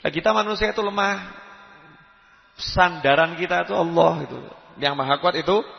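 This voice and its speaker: A man giving a religious lecture, lively and emphatic, dropping to soft asides. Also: a little high, normal speed, gravelly. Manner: lively preaching, rising to emphatic calls, drops to soft asides. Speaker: preacher. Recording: lo-fi reverberant hall recording.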